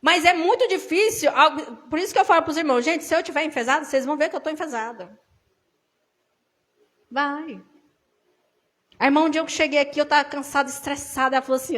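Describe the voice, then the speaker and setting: With a Brazilian Portuguese accent, a woman delivers an informal church sermon, sharing personal stories and calling the congregation "brothers." Her voice is high and fairly bright, a little fast, and she pauses often in her conversational delivery.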